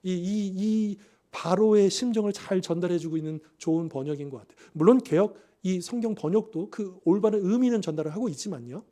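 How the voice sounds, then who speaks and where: A man's voice: high voice, brisk, few pauses, mellow. A male pastor giving a sermon in a conversational way, asking the congregation rhetorical questions.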